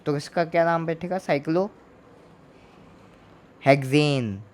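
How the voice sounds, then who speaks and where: A fairly high-voiced man teaches chemistry in Hindi, walking through each problem step by step. He asks a question and then answers it himself, and he repeats each term several times so it sticks. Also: lively intonation, moderate pace. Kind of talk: Hindi classroom lecture.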